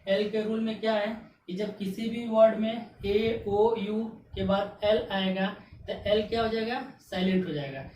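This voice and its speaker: A woman teaches English grammar classroom-style, spelling out words one letter at a time and answering the questions she poses herself. Her voice is medium in pitch, steady, unhurried and somewhat dark. The audio has faint noise and echo from a distant mic.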